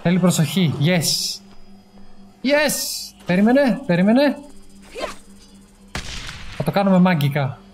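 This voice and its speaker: A man giving casual gameplay commentary, excitable, yelping and swearing in English when surprised, talking into a gaming headset. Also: sits high, long pauses, slight background noise. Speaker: gaming streamer.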